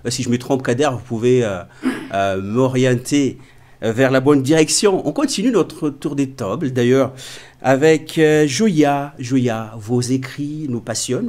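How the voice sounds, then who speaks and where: A man's voice: mid-range voice, a little mellow. A man hosting a radio interview, formal and full of hesitations. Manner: frequent hesitations, formal address. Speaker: radio host.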